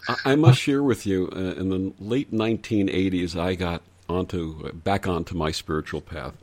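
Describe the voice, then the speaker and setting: Man, fairly deep pitch, interview host, conversational, effusive, wordy and emphatic. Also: normal speed, darkish tone.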